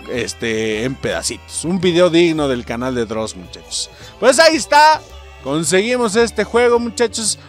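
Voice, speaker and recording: Young man, Mexican accent, gameplay commentary, swings wildly in pitch, slightly high voice, curses, faint game music. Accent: Mexican Spanish. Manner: animated, swears often, keeps addressing viewers as "muchachos". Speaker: gameplay streamer.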